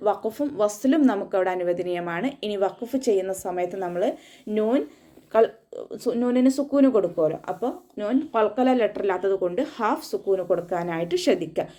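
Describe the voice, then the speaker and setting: A woman teaching Quran recitation rules. She explains each rule patiently, repeats herself, and breaks into slow chanted sample phrases. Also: mid-range voice, mellow. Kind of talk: tajweed lesson, explaining then demonstrating recitation.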